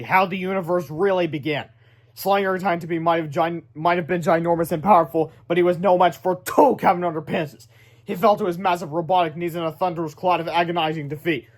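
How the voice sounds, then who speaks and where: A man reading a children's book aloud in an animated way, breaking off for excited asides. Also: high-pitched. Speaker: read-aloud narrator.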